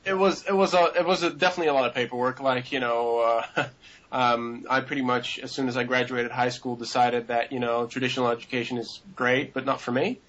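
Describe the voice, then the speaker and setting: A man's voice: mid-range voice, steady tone, brisk, a bit bright, dull audio. A man in his twenties answering interview questions in a rambling way, with many fillers and restarts.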